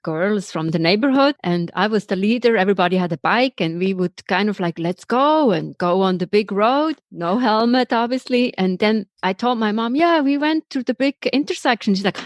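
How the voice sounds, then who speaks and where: A woman's voice: medium pitch, normal speed, hardly any pauses, dry recording, studio quality. A woman hosting a podcast, chatting informally and telling anecdotes in a casual interview style. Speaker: podcast host.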